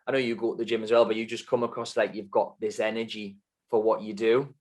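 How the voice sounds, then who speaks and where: A man's voice: fairly low pitch, flat delivery, fast talker, a little mellow. A man hosting an interview in a casual, friendly way who jumps in with questions. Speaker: podcast host.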